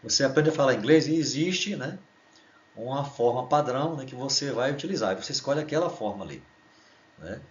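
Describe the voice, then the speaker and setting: A middle-aged Brazilian man whose first language is Portuguese, teaching an online English lesson and explaining at length with constant "né?" and slowly spelled-out examples. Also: mid-range voice, animated, lo-fi sound.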